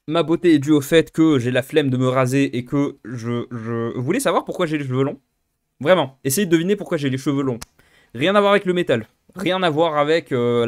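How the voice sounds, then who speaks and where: A young man rambling through viewer questions in a casual, self-mocking monologue, full of fillers and restarts. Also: medium pitch. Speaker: YouTuber answering viewer questions.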